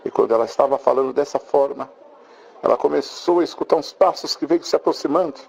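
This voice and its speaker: A man tells a church testimony with dramatic storytelling. His mid-pitched voice has a gravelly edge. The recording is dull and muffled, like an old church tape. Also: quick pace, darkish tone. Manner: dramatic storytelling, acting out the child's voice. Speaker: preacher giving a testimony.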